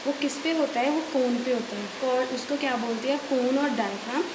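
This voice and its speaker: A woman with an Indian accent teaches electronics in a lecture, reading from her notes and explaining them at a moderate pace in a high-sitting voice. She frequently checks in with short tag questions, and the room is echoey with hiss and noise.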